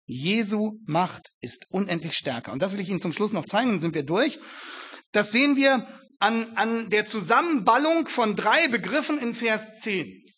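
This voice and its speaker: A man delivering a sermon with a high-pitched voice. His tone is bright and penetrating. He exhorts his listeners emphatically and lingers deliberately over each quoted verse. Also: breathy edge. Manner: addresses listeners directly, exhorting. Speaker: preacher.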